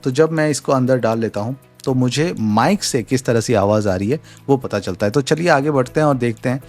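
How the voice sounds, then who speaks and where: A man explains a microphone setup step by step in a relaxed demo tone, slipping English phrases into his talk. His voice sits at an ordinary middle pitch. He talks into a desk mic in a home room, with faint music underneath. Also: brisk. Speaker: tech reviewer. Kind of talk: casual product demo. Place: home room with a fan running. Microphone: studio USB mic at varying distance.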